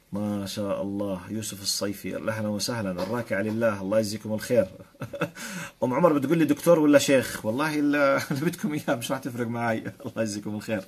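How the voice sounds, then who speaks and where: Husky, fast-talking Jordanian man hosting. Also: fairly low pitch. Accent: Jordanian Arabic. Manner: friendly greeter, frequent blessings and chuckles. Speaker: host. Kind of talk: live stream reading viewer comments.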